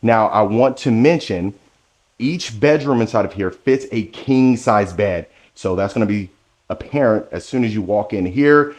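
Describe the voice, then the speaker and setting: A man with a fairly low voice leads a walking house tour indoors. He sounds enthusiastic and salesy, pointing out features and talking straight to the viewer. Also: animated, measured pace, darkish tone. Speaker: home tour host. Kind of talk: walkthrough house tour narration. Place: indoors, new model home.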